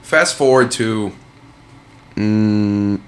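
A man's voice: lowish voice, very slow, a little hiss or hum. A young man in his twenties telling a story in casual chat, acting out other people's lines. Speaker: podcast co-host.

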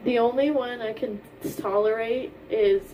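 A woman's voice: a little high, fairly even intonation, measured pace, lo-fi sound. A young woman co-hosting a podcast in casual chat, speaking in an informal, matter-of-fact way. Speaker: podcast co-host. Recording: distant mic, faint background noise.

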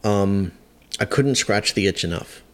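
Deep-voiced fire service guy in his 50s, rambly storytelling, lots of restarts. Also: a little slow. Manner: rambling, hesitant, many restarts, acts out quotes. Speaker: veteran firefighter, podcast guest. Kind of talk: conversational storytelling.

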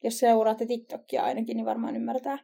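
A woman's voice: a little high, flat delivery, creaky, warm tone. A young woman co-hosting a casual podcast chat, blunt and playful, laughing often. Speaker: podcast co-host.

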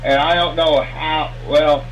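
A man's voice: fairly high pitch, flat delivery, takes it slowly. A man co-hosting a podcast in casual banter, a bit congested. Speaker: podcast co-host. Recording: dull lo-fi sound with faint hum.

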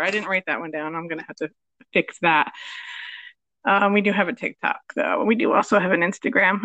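A woman's voice: mid-range voice, a bit bright, no echo. A woman co-hosting a podcast in casual chat, laughing often and losing her place mid-sentence. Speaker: podcast co-host, bartender.

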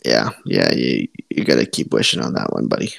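A man co-hosting a wrestling podcast, chatting casually and excitedly, swearing and restarting his sentences. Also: extremely low pitch, brisk, gravelly, no room sound. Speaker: podcast co-host.

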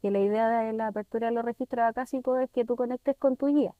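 A woman's voice: on the high side, quick pace, no echo, narrow, tinny audio. A middle-aged woman with a Chilean accent, telling her story as a guest in a casual conversation and acting out the dialogue she remembers. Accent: Chilean Spanish. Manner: animated, acts out remembered dialogue.

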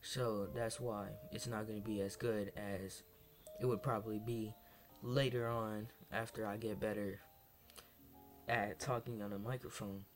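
A man's voice: lowish voice, little pitch movement, unhurried, soft background music. A young man from Massachusetts hosting his first solo podcast, talking in a rambling, hesitant way full of fillers and restarts, sounding tired. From Massachusetts, USA. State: tired, low on energy. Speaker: podcast host. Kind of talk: casual solo podcast monologue.

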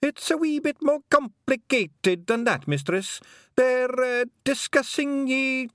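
A man's voice: very high-pitched, takes it slowly, no echo, studio quality, voice pushed up. A man voicing a tiny, shy, polite pixie man in a kilt, speaking with a Scottish accent and deferring to his mistress. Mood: embarrassed. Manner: hesitant, deferential.

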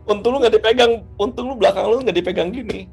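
A man's voice: high voice, fast talker, creaky, slightly rough, soft background music. A man who hosts a casual chat, asking blunt questions. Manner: prompting, blunt interjections.

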